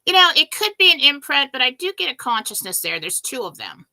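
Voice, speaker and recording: A woman's voice: high voice, big pitch swings, a little fast, vocal fry, bright, forceful tone. A woman giving psychic readings on a live stream, answering in a direct, matter-of-fact way with a scratchy voice. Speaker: psychic reader.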